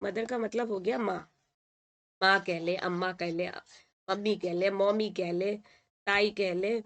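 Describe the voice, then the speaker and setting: A woman teacher talks through a lesson at an even, medium pitch. She repeats each word slowly and checks in often with short confirmations. Her manner is patient and steady. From India. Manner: patient, repeats words and says "ठीक है" often. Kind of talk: explaining a textbook lesson in Hindi.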